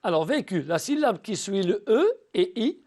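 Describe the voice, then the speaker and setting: A male teacher giving a recorded school lesson, speaking patiently to pupils and slowly spelling out syllables. He often repeats and restarts words. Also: high-pitched, very animated, a little mellow.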